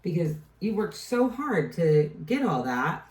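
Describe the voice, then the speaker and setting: A woman with a low, mellow voice gives a casual tarot reading. She rambles, trails off and restarts mid-thought. She sounds set back from the mic in a roomy, echoey space. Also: big pitch swings, measured pace. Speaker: tarot reader. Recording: echoey room, distant mic.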